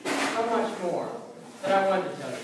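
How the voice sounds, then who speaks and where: An actor playing God, speaking calmly and gently in a church skit. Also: female voice, mid-range voice, normal speed, close to an everyday voice. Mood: patient. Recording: echoey room from far off, clear noise.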